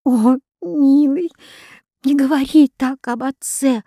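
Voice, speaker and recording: A woman voicing a timid, gentle girl who is the tearful older sister, pleading softly in an audiobook. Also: a little high, expressive, measured pace, no room sound, studio quality. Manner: soft pleading.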